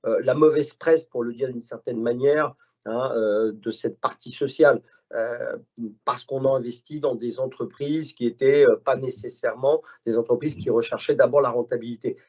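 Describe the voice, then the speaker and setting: Measured male fund manager speaking. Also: medium pitch, steady tone, a little mellow. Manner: measured, uses fillers and tag words. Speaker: asset management director. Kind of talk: conference panel explanation. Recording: dull lo-fi sound.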